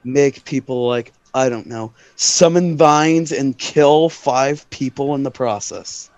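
A man's voice: mid-range voice, slow pace, darkish tone, no room sound. A man running a tabletop game, talking in a rambling, self-correcting way.

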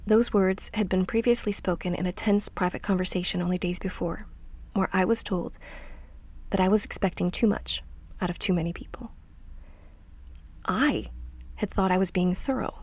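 A middle-aged woman hosting a scripted self-help podcast, speaking softly and reflectively, often trailing into a near-whisper. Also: mid-range voice, fairly even intonation, moderate pace, pauses often, husky. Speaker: podcast host.

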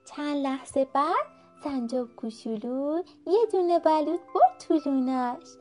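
A woman narrating a rhymed bedtime story for children in a gentle, slow, sing-song way. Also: high-pitched. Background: background music.

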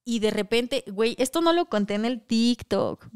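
A young woman with a Mexican accent, a podcast co-host telling a personal story in casual chat, full of crude slang and animated retellings. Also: on the high side, normal speed, clean tone.

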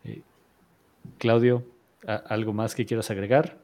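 Hosting a live online talk show, this man, a podcast host, thanks his guests in casual live-streamed chat full of fillers and restarts. His voice is lowish and a little mellow, with fairly even intonation and a measured pace.

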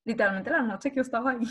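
A young woman, co-hosting a podcast and telling stories in a lively chat, acting out the voices of people in them. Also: fairly high pitch, slightly rough. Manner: animated, acts out voices in her story. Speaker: podcast co-host. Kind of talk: casual chat, storytelling.

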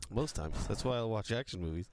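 A man's voice: lowish voice, expressive, fast talker, background noise. A man chatting casually as a podcast co-host, with a self-deprecating manner. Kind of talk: casual chat.

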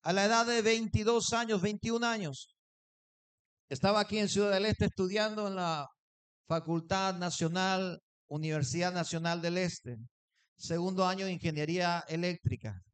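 A man's voice: high voice, moderate pace, fairly bright tone, smooth. A man preaching a sermon, telling a personal story and acting out the dialogue. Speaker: pastor.

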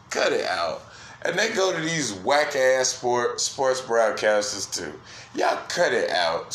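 A man hosting a solo sports podcast, cursing freely and swinging between loud outbursts and quiet, low asides. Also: echoey room, a little hiss or hum. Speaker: podcast host.

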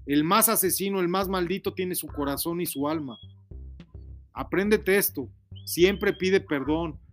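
A man gives his daughter fatherly advice in an earnest, preachy way, lecturing her. His voice sits high for a man. Soft music plays faintly behind him. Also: moderate pace. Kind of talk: casual heart-to-heart talk.

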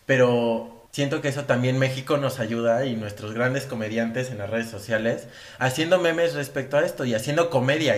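A Mexican man co-hosting a podcast in casual chat, reflective, explaining and steering the conversation. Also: mid-range voice. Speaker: podcast co-host.

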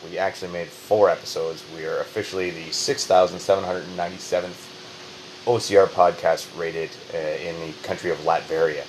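A Canadian man hosts a podcast with loose, joking banter, his voice sitting very low. A faint ambient hiss runs under the recording. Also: level tone, moderate pace, poor audio. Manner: joking, rambling. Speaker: podcast host. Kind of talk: casual podcast chat.

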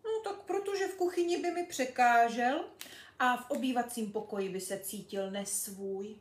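A woman voicing a cheeky nine-year-old girl who tells tall tales, lively and loud, in an echoey room. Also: lightly acted. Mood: matter-of-fact. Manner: lively, boastful, high and loud.

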